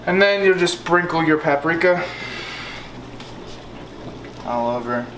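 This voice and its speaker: A man's voice: fairly high pitch, animated, slow, a bit bright, a little hiss or hum. A man walks viewers through a home recipe in loose, rambling talk, circling back to the same points. His voice rings in a roomy, echoing kitchen, with cutlery and pans clattering around him. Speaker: co-host of a family cooking channel. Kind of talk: casual cooking demo chat. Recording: echoey kitchen with clattering dishes.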